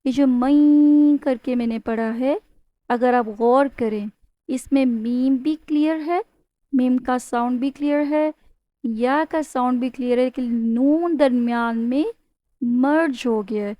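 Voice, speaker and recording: A woman's voice: high voice, no echo, highs cut off. A woman teaching a Tajweed lesson, explaining patiently step by step, asking her students questions and stretching out example words with a nasal hum. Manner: draws out demonstration words with nasal humming. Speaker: Quran recitation teacher.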